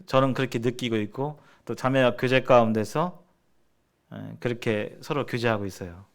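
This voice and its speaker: This is a middle-aged man from South Korea with a mid-range voice, preaching at a church seminar in a sermon-like teaching style. His explanations come haltingly, and he restates his phrases as he goes.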